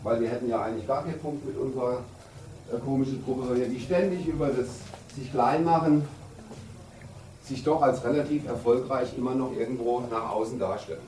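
A man in his fifties, a handball coach giving an emphatic, deliberate pre-game team talk with pauses for effect in a locker room. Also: medium pitch, mellow. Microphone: camera a few metres away. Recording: roomy, distant camera mic, background noise.

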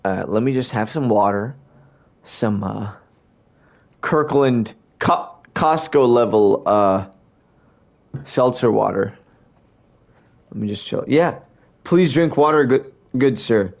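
While streaming a game, a young man chats casually with his viewers, rambling, addressing the chat, and repeatedly hiccuping and burping. His mid-range voice is expressive yet slow, with vocal fry and long pauses.

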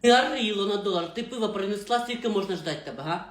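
A woman voicing a rude, lazy, beer-drinking young husband who talks gruffly and swears. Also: mid-range voice, quick pace, echoey room, pitched below the performer's own voice, close to an everyday voice.

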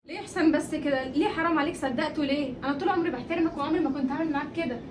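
Woman as young Egyptian bride, pleading, high voice, distant mic, noisy room. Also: racing, natural voice. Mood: hurt. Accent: Egyptian Arabic. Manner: pleading, questioning softly. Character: gentle, bewildered young bride. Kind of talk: short web drama acting.

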